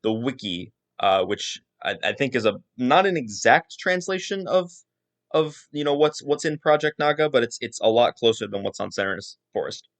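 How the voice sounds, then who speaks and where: A man's voice: mid-range voice, expressive, normal speed. A man hosting a casual solo podcast, rambling through his thoughts with lots of restarts and asides. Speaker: podcast host.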